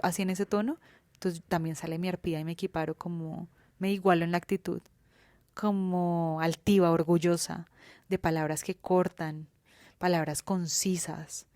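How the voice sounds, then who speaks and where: A woman's voice: on the low side, dark tone, dry recording, clean studio sound. A young Colombian woman with a Colombian accent, speaking candidly and colloquially in a reflective personal monologue as a podcast host, swearing freely.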